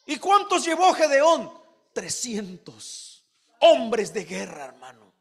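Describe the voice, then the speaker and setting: Pastor, male, very high voice, slow deliberate delivery, call-and-response preaching that builds to shouts. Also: very animated, vocal fry, husky. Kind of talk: sermon.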